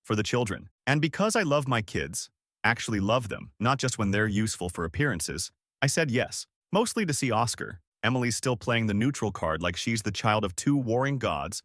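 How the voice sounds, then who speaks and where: A man's voice: on the low side, animated, normal speed, a bit bright, dry recording, clean studio sound. A middle-aged man narrating a scripted story in a sardonic, wry way.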